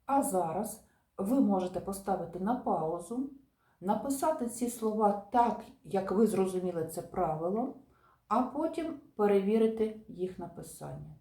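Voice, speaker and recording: A woman teacher calmly explaining spelling rules to viewers, stressing each example word. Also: medium pitch, moderate pace. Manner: calm, methodical, stresses example words. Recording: echoey room.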